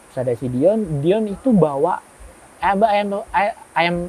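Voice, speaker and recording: A man's voice: sits high, moderate pace, a little hiss or hum, rough recording. A young man telling a horror story in casual conversation, acting out the dialogue as he goes. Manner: animated, acts out quoted dialogue. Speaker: guest storyteller.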